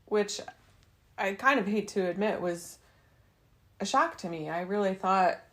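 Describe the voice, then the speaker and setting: A woman's voice: mid-range voice, measured pace, fairly bright tone. A woman with a mid-range voice co-hosts a casual podcast. She is chatty and teasing and prods her sister along. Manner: teasing, chatty, breaks into song. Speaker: podcast co-host. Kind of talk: casual chat.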